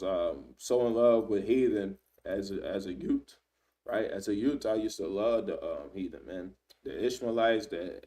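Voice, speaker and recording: A man in his thirties gives casual Bible teaching, speaking loosely and filling his talk with "man" and "right?" He reads scripture aloud and stops to look things up. His voice is warm and on the low side, picked up by a distant mic.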